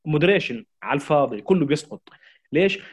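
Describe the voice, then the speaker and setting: A man's voice: on the high side, expressive, quick pace, breathy edge, lo-fi sound. A man gives a marketing lecture, addressing his audience directly with urgent, repeated exhortations. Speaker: marketing trainer.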